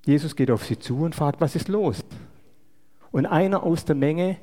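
Male preacher, measured sermon delivery with rhetorical questions, dark mellow tone, long hall reverb. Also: a little high.

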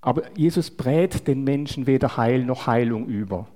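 A man delivers a sermon in a warm, mellow voice of middling pitch. He speaks in a measured way and often turns to the listeners with rhetorical questions. His voice rings out with a long reverb, as in a large church hall. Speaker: preacher.

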